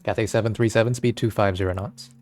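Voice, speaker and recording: A man's voice: fairly low pitch, steady tone, fast talker, darkish tone, soft background music. A man acting as air traffic controller, giving clipped radio instructions to pilots.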